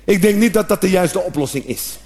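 High-voiced Dutch-speaking comedian, animated. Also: male voice, a little fast. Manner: animated, shouting outbursts and acted-out noises. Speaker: stand-up comedian. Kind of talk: stand-up comedy routine.

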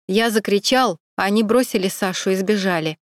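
Steady, reassuring young man at work, voiced by a woman reader. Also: medium pitch, a little fast, no room sound, studio quality, natural voice. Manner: steady and soothing. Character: calm, reassuring male camera operator.

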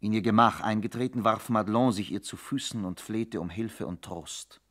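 A man narrating a literary radio drama in a formal, expressive, suspenseful style. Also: lowish voice, normal speed.

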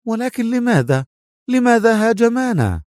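Man playing a high-voiced, tense young woman; dry audio. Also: fast, dry recording, natural voice. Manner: tense, trying to seem calm. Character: young woman, brave but startled.

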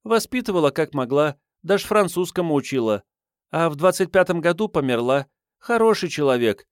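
A man's voice: fairly high pitch, expressive, fairly quick, clean tone, no echo, clean studio sound, pitched above the performer's own voice, natural voice. A man voicing a cheeky, scruffy homeless teenage girl who talks brashly in street slang, in an audiobook. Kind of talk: audiobook reading.

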